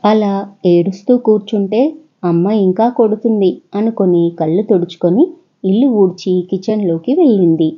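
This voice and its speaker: A woman narrates a children's story with a Telugu accent, in a steady, even manner. Her voice is husky and slightly breathy. The recording is a bit dull and lo-fi. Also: mid-range voice, moderate pace.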